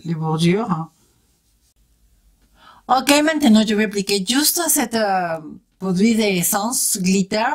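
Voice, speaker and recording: Chatting as she works, a beauty vlogger walks viewers through a casual makeup tutorial, speaking right to them with enthusiastic exclamations. Her voice is medium-pitched and darkish.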